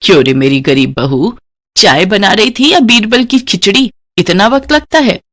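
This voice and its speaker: A woman voicing a harsh older mother-in-law in a cartoon, who shouts and hurls mocking insults at her daughter-in-law. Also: mid-range voice, lively intonation, normal speed. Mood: scolding.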